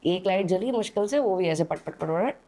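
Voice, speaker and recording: In an indoor podcast studio, a young female guest narrates a story with a lowish, expressive, mellow voice at a fairly quick pace. Her manner is chatty and casual, with hesitant fillers and repeated "okay?" check-ins in the form of "theek hai."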